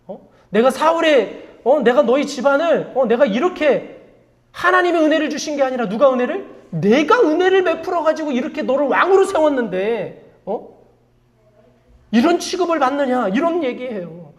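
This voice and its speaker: A woman pastor preaching a sermon. She asks the congregation many rhetorical questions, prompts them to repeat after her, and admits her own faults. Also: fairly high pitch. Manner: confessional, self-deprecating asides; call-and-response prompting.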